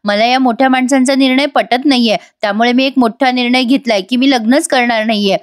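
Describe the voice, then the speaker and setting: A woman's voice: a little high, steady tone, a little fast, dry recording, clean studio sound, lightly acted. A woman voicing a tense, stubborn young woman. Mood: firm.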